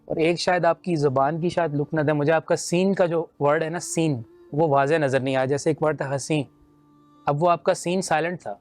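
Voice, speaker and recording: A man's voice: on the high side, steady tone, faint music behind. A man judging a naat recitation contest, explaining in a teacherly way with simple everyday examples. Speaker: naat competition judge. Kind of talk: judging feedback.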